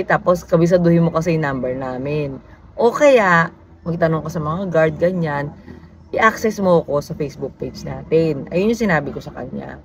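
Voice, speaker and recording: A woman's voice: lowish voice, a little hiss or hum, rough recording. A woman vlogging in casual storytelling style, a mother chatting to her viewers and acting out her children's lines.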